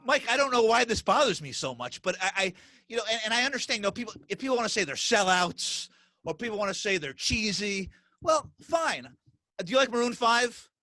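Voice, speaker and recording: Animated middle-aged podcast host, brisk rapid talker, bright tense voice, dry close sound. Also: male voice, high voice, no echo. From US Northeast. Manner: animated, talks fast, many restarts and repeated words. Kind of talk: casual interview chat.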